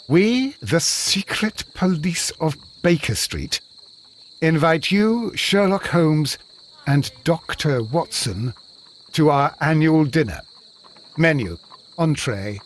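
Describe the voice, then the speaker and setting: Doctor Watson, fussy, higher-voiced English gentleman. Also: big pitch swings, slight background noise. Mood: disgusted. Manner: proper, indignant, measured. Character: respectable Victorian English doctor, exasperated, fussy loyal companion. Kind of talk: video game voice acting.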